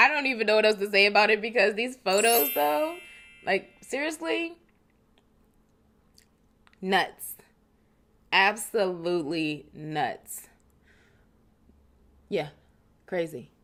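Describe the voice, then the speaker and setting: An enthusiastic woman hosting a podcast, full of praise and quick to call things crazy or wild. She speaks at an everyday middle pitch. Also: a bit bright. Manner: gushing, enthusiastic, fond of words like crazy and wild. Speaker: podcast host. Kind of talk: podcast intro and interview.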